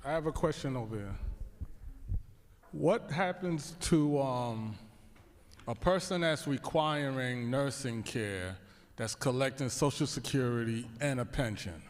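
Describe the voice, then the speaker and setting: A man's voice: medium pitch, animated, measured pace. A man in the audience asking probing follow-up questions at a church workshop. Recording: long hall reverb in church.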